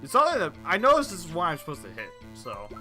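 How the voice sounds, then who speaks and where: A man giving casual let's-play commentary, crude and joking, with frequent swearing. His voice is very bright and jumps around in pitch, and soft game music plays behind him. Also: huge pitch swings, quick pace. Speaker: gameplay commentator.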